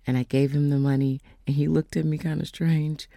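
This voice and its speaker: A woman telling a faith testimony in a casual storytelling way, slowing down and dropping to whispers for emphasis. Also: sits low, level tone, creaky, dark tone, dry recording, clean studio sound. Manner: storytelling, acts out quoted voices; slows down for emphasis, drops to whispers. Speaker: speaker giving a testimony.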